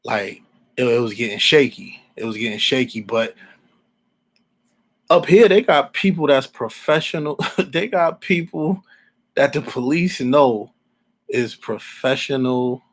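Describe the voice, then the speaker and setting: A man's voice: medium pitch, poor audio. A man in his forties from Alabama giving casual, rambling opinions as a podcast host, repeating himself and using informal slang. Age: 40s.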